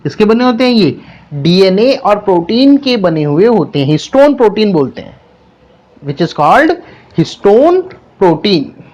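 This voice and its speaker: A man's voice: sits high, very animated, slow pace, darkish tone. A man with an Indian accent teaching a science lesson online, asking each point back as a question and repeating it. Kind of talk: online class lecture.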